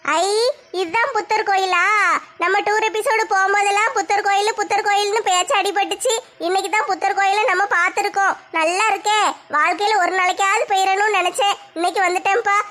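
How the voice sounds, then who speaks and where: A woman's voice: extremely high pitch, fairly even intonation, quick pace, fairly bright tone. A woman performing a comedy skit, teasing and scolding in village banter.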